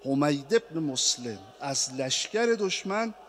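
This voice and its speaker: A man's voice: a little high, sing-song. A man delivering an impassioned, mournful sermon recitation as a preacher. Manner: impassioned, mournful, rising to cries.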